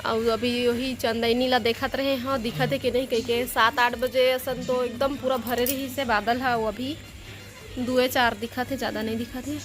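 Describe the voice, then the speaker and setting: A woman with a fairly high voice and a Chhattisgarhi accent talks casually to her viewers. She narrates small household happenings in an everyday home-vlog style. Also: level tone, normal speed, soft background music. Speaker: home vlogger. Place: at home in the evening.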